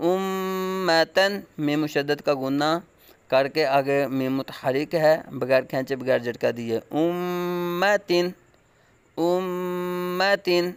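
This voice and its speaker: A man with a Pakistani Urdu accent teaching Quran recitation, spelling out letters and words slowly and loudly, then explaining the rules quickly in a lower voice. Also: little pitch movement, clear, resonant tone, no room sound.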